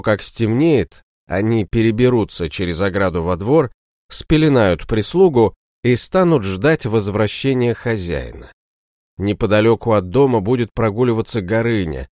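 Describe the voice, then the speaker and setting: Guy narrating an audiobook, low voice, dry close sound, really lively intonation. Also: no room sound.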